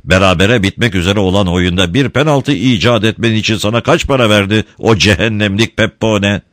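A man's voice: lowish voice, brisk, fairly bright tone, no echo, clean studio sound, natural voice. A man voicing a hot-tempered village priest who talks in an indignant, commanding way. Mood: angry.

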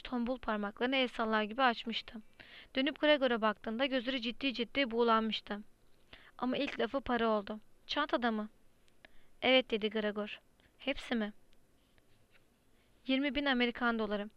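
A woman reading a novel aloud as an audiobook narrator, in a steady, even storytelling manner. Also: on the high side, smooth, no room sound. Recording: dry, slightly muffled lo-fi recording.

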